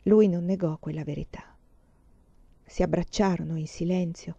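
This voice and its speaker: Mellow woman narrating a novel. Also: lowish voice, creaky, breathy edge, no echo, lo-fi sound. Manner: measured, calm reading. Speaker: reader. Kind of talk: storybook narration.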